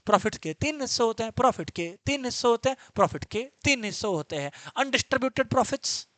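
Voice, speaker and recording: A man's voice: very high-pitched, a bit bright, dry recording. A man teaching an exam-prep lecture, emphatic and drilling terms over and over. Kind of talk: online lecture.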